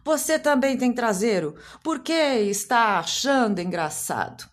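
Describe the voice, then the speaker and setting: A woman voicing an indignant, shouting grandfather in a read-aloud children's story. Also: fairly high pitch, animated, unhurried, voice pushed up. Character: cranky old grandfather, indignant.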